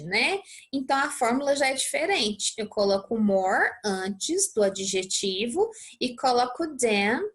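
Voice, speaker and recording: In a bit bright, higher-pitched voice, a young Brazilian woman with a Brazilian Portuguese accent records an English lesson. She explains a worksheet one step at a time, frequently checking in with her students.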